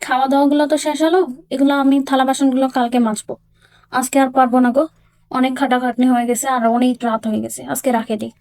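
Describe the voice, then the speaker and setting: A woman's voice: sits high, level tone, quick pace, a little mellow, no room sound, studio quality. A woman voicing a hardworking, worried village mother in a doll story drama. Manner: worried, emotional.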